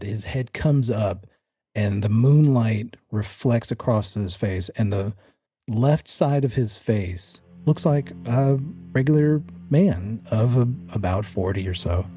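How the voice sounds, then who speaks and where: Against faint background music, a man with a medium-pitched, dark-toned voice narrates a little slowly. As game master for a tabletop horror game, he speaks conversationally to the player in the second person, shifting from suspenseful story to casual rules explanation.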